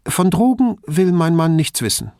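A man's voice: on the high side, very animated, a little mellow, no room sound, clean studio sound, voice pushed up. A man voicing a worried, defensive woman professor who talks about her son in a storybook reading. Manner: tense and quick to bristle.

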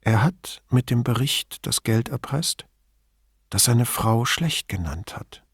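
A man's voice: medium pitch, animated, slow pace, slightly rough, no echo, studio quality, heavily acted. A man reading an audiobook, voicing an outspoken woman investigator who flares into indignant outbursts. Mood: thoughtful.

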